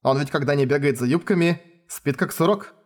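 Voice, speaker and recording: A man voicing a calm, sly young king who speaks politely and teasingly. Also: fairly high pitch, brisk, lightly acted. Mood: innocent.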